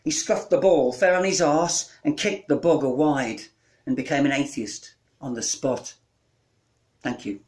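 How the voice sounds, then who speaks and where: A man doing a comic reading of his own writing, in a deadpan delivery that rattles off long lists. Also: mid-range voice, measured pace. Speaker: spoken-word performer.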